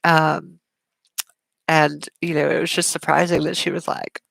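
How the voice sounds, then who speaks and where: A woman's voice: low-pitched, little pitch movement, a little slow, vocal fry, fairly bright tone, no echo. A woman hosting a casual live Q&A stream, talking chattily with frequent fillers, smiling as she speaks, with strongly sibilant S sounds. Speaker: livestream host.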